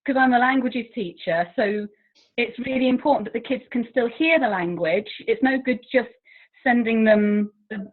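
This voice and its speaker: A slightly high-voiced English woman, a languages teacher, talks at a moderate pace in a casual interview. She is talkative, self-deprecating, and quick to laugh, heard through a tinny, phone-like line.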